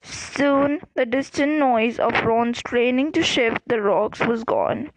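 A woman reading a fantasy novel aloud in a measured, careful way. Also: a little high, no echo, low-quality recording. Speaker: audiobook reader. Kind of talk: fiction read aloud.

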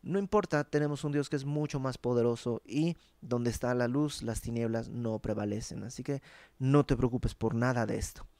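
A man's voice: medium pitch, normal speed, darkish tone, no room sound. A man preaching a sermon in a conversational, explanatory teaching manner.

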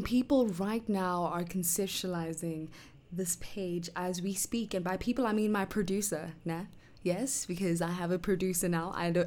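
A woman's voice: mid-range voice, darkish tone. A woman hosting her own podcast, talking chattily and upbeat, sometimes dropping into a near-whisper. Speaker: podcast host. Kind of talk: solo podcast chat.

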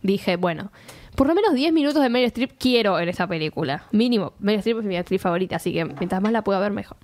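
Young woman, animated and chatty co-host. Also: medium pitch, fast. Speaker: co-host, film reviewer. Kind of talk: casual chat show banter.

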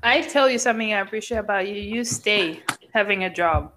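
A woman's voice: medium pitch, a little fast, fairly bright tone, slight background noise. A young woman co-hosting a podcast in casual chat, rambling with fillers and restarts, a bit sick and coughing. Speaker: podcast co-host.

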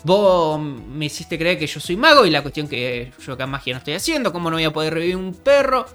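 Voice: mid-range voice, sing-song, a bit bright, faint music behind. A storyteller with a Rioplatense accent voicing a vain, dim-witted king who blusters and complains. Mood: blustering. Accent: Rioplatense Spanish. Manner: blustering, whining, quick complaints.

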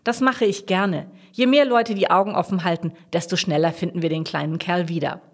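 A woman's voice: on the low side, steady tone, a little fast. A woman voicing a friendly male ice-cream seller in a children's story, reassuring and kind. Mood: kindly.

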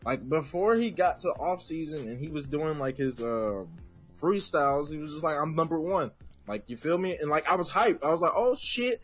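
A man's voice: on the high side, lively intonation, brisk, faint music behind. A young man co-hosting a casual podcast, ranting bluntly and repeating his points for emphasis. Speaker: podcast co-host. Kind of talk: casual opinionated chat.

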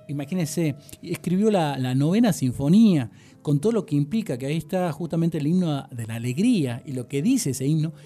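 A man's voice: a little high, warm tone. A man hosting a radio talk, agreeing often and musing reflectively. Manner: constant agreeing backchannels, reflective. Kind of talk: casual radio conversation.

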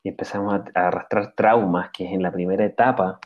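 A man giving a calm, reflective spiritual talk, often checking in with a questioning "ya" and pausing on "eh". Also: low voice, a little hiss or hum. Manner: calm, explanatory, pauses with "eh". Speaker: spiritual speaker. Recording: dull lo-fi recording.

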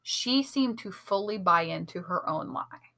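Woman podcast co-host, bright voice, casual and analytical, talks in run-on thoughts. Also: medium pitch, lively intonation, unhurried. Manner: chatty, analytical, many fillers like "like" and "um". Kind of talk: casual chat reviewing a TV episode.

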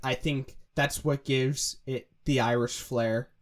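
A man's voice: mid-range voice, steady tone, takes it slowly. A young man breaking down vocal diction. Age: young adult. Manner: explains pronunciation by demonstrating sounds. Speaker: music analysis co-host. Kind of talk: casual analytical chat.

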